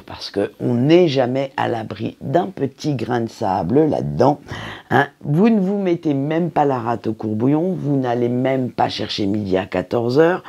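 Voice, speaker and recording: Slow, gravelly-voiced tarot reader. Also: medium pitch, mellow. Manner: unhurried, chatty, with frequent hesitations. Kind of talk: casual weekly tarot reading.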